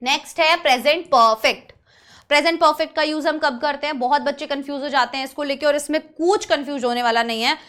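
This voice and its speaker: A young woman teaching grammar with a high, bright voice that carries. She is lively, stops often to ask if the class is following, and slows right down when she reads the English example sentences. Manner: explains English examples in Hindi, checks understanding often. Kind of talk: energetic classroom lesson.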